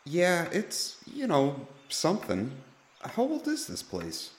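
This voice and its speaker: A man's voice: fairly high pitch, slow pace, exaggerated voice. A man playing a weary, unimpressed younger brother who answers hesitantly. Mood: reluctant. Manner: hesitant, flat reluctance. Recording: roomy echo.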